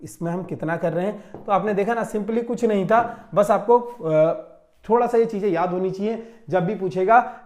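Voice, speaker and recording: With a high, light, somewhat dark-toned voice, a man works through a mock test as a Hindi grammar lesson, like a coaching-class teacher. He repeats each answer, stretches key terms out slowly, and keeps asking "theek hai" to check on the class as he goes.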